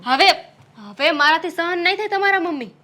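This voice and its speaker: A fed-up young wife, high and fast. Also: female voice, expressive, sharp tone, exaggerated voice. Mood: angry, fed up. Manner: heated, rapid complaining. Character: young wife fed up with her mother-in-law. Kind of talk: Gujarati short film acting.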